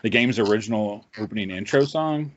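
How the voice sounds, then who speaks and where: Low-voiced guy on a gaming podcast, real animated, muffled lo-fi sound. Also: fairly quick. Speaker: podcast co-host. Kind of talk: casual chat. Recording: dull lo-fi podcast audio.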